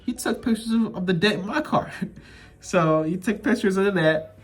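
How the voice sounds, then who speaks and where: A man telling a personal story in a casual vlog, animated and repetitive, often laughing as he talks. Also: sits high, normal speed, slightly rough. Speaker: vlogger.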